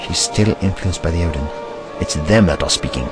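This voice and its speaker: A man's voice: deep voice, a little fast, over music, natural voice. A man playing an anxious, principled, eccentric time-travelling Doctor in an audio drama, with a fretful, dramatic manner. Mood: worried.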